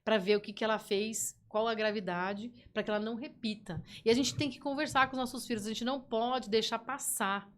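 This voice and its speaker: A woman, a guest telling stories in a playful, animated way. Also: on the high side, fairly quick, few pauses, a little hiss or hum. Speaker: podcast guest. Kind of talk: casual interview chat.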